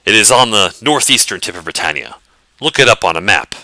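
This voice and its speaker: A man's voice: fairly low pitch, animated, a little fast, bright, forceful tone, no room sound, full character voice. A man voicing a boastful mercenary baron who speaks bluntly and proudly.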